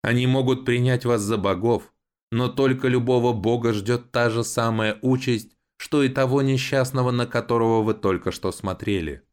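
A man voicing a stern robot gun sentry with a creaky, grating voice that speaks slowly and repeats its warnings, in an audiobook. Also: medium pitch, fairly even intonation, a little mellow, voice pushed up, natural voice. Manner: slow, insistent, repeats itself. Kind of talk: audiobook voice acting.

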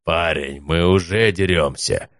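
Growling scornful dragon warrior, voiced by a male narrator, low and dry, for an audiobook. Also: unhurried, a bit bright, dry recording.

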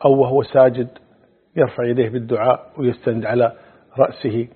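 A middle-aged male Islamic scholar answering religious questions in a measured, explanatory way, quoting hadith. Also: medium pitch, flat delivery, husky. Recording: phone-like narrow band.

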